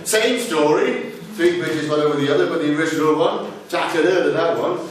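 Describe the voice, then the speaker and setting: A man's voice: on the high side, a little fast. A man from Wales telling a folk tale live to an audience, with playful asides. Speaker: storyteller. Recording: echoey room from far off, noisy.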